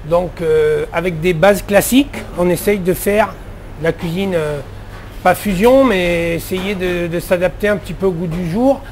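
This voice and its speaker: High-voiced chatty French chef. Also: male voice, unhurried, a little mellow, slight background noise. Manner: chatty, many fillers and restarts. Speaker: head chef. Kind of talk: casual interview answers.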